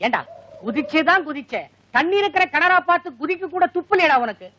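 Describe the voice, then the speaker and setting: A man's voice: very high voice, animated, a little fast, sharp tone, heavily acted. An actor playing an exasperated village father who scolds his son. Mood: scolding. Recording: muffled old film soundtrack.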